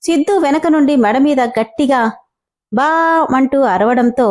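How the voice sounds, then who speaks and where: Mellow, higher-voiced woman storyteller. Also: normal speed. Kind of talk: storybook narration.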